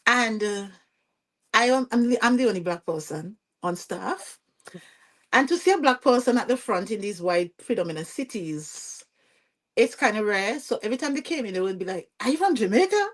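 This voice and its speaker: A woman with a Vincentian accent, a podcast guest telling her story in a lively, chatty way and often checking in with "you see what I'm saying?". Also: medium pitch, moderate pace. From Saint Vincent and the Grenadines. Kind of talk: conversational storytelling interview.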